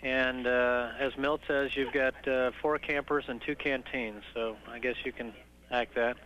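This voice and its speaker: A man working as a mission control communicator, giving measured, halting procedural instructions over the radio. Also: mid-range voice, steady tone, a bit bright. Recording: dull, noisy archival space-to-ground radio recording.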